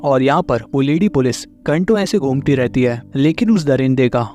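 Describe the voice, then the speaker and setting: A man with a Hindi accent narrating a movie recap as scripted narration, telling the story in steady, long linked sentences. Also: medium pitch, moderate pace. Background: faint background music.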